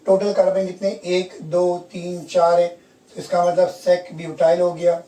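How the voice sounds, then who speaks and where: Male chemistry teacher, Hindi-English mix, mellow higher voice, roomy sound from a distance. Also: monotone, unhurried. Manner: asks students questions and repeats key terms. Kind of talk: classroom lecture. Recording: echoey room, from far off.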